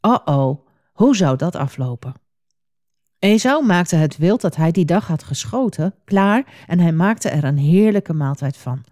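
A woman narrating a children's Bible story in an animated, expressive voice. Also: fairly low pitch, no echo, clean studio sound.

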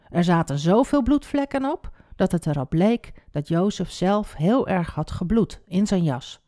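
A woman telling a Bible story to children, expressive and speaking directly to the young listener. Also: lowish voice, no echo, clean studio sound.

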